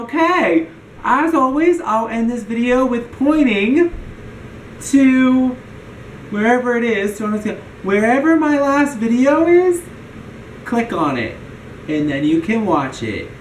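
A man's voice: very high-pitched, a little hiss or hum. A young man hosting a casual vlog, giggly and teasing, heard from a distant camera mic in a roomy space. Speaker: YouTube host.

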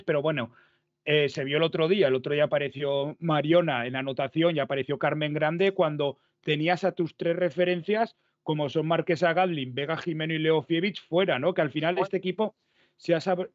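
A man's voice: fairly high pitch, no room sound. A man on a sports talk panel giving upbeat, confident opinions. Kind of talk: casual sports talk show. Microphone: video call. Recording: dry, dull video call audio.

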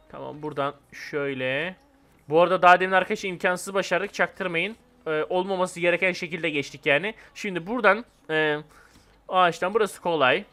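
A young man hosting his gaming channel, giving live commentary on a game, swinging between hyped shouting and calm muttering to himself. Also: high-pitched.

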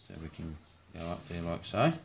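Talking at a normal speed with a low, vocal-fried voice, an Australian man films a casual how-to video in his kitchen. He builds rods as a hobby and shows his work, cursing liberally and cracking jokes as he rambles, with slight noise in the background.

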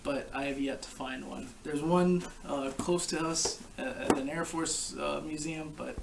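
A young adult man talks through gear in a casual review, explaining it informally and haltingly. His voice has a gravelly, creaky edge and sits slightly high for a man. It is picked up by a camera mic some way off, with faint noise in the room. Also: fairly even intonation, far from the mic. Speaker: gas mask collector and reviewer. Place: living room couch, indoors. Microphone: camera a short distance away.

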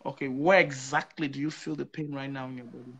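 A pastor on a live stream, talking on a phone held at arm's length in a small room, earnestly repeating back what a caller tells him. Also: male voice, medium pitch, fairly even intonation, fast talker, a bit bright, slightly rough. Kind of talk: live-stream prayer chat. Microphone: phone camera at arm's length.

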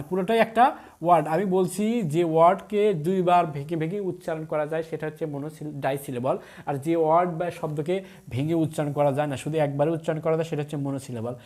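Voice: medium pitch, darkish tone. A teacher giving an English grammar video lesson. The teacher spells words out letter by letter, repeats key points and keeps asking the viewers questions.

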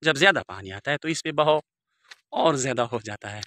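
His mid-range voice is expressive, brisk, bright and forceful, captured dry on the phone camera he carries. The man, in his forties, narrates a village vlog as walking-tour commentary outdoors in open riverbed countryside, formal and devout, with Arabic blessings.

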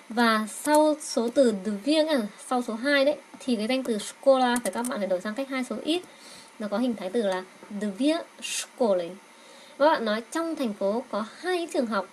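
A woman with Vietnamese as her first language teaching a Russian grammar lesson, saying words slowly and repeating them so learners can echo. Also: on the high side, a little hiss or hum.

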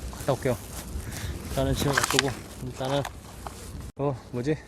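A man's voice: medium pitch, level tone, normal speed, very noisy. A man hosting his own fishing vlog outdoors by the sea, exclaiming and repeating words as he reels in fish. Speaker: fishing channel host. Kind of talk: excited fishing vlog commentary. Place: seaside harbor outdoors. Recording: loud background music.

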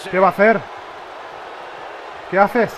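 A man with a Spain Spanish accent giving excitable live commentary over a wrestling video game, reacting with shouts. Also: sits high, slow. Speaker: gamer. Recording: loud game crowd and noise behind. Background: wrestling game crowd noise.

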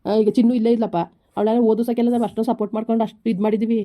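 A woman's voice: a little high, level tone, rapid-fire, mellow, natural voice. A woman playing a harried husband caught between his wife and his mother, talking in an exasperated, scolding way in a village comedy skit. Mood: bitter. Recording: slightly dull lo-fi recording.

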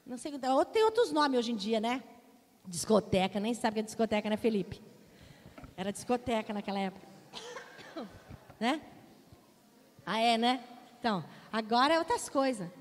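Woman in her forties, Brazilian accent, pastor, lively storytelling sermon, fairly high voice, long church reverb. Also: normal speed, long pauses, a little hiss or hum. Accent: Brazilian Portuguese. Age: 40s. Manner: animated storytelling, addresses congregation directly. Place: church hall.

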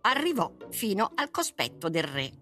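A woman narrating a children's story in an expressive, unhurried reading style. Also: mid-range voice, faint music behind.

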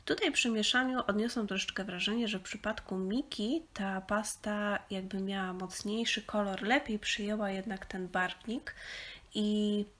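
A young woman from Poland talks through a craft tutorial in a relaxed, explanatory voice-over. Her pitch sits in the middle range, and she often pauses on small fillers while she thinks. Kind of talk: casual instructional voice-over.

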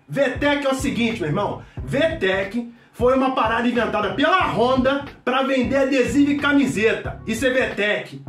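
An actor playing a loud, brash middle-aged mechanic with a Carioca accent, who shouts, swears constantly and rambles in a comedy sketch. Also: male voice, extremely high pitch. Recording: echoey room, distant mic, faint music.

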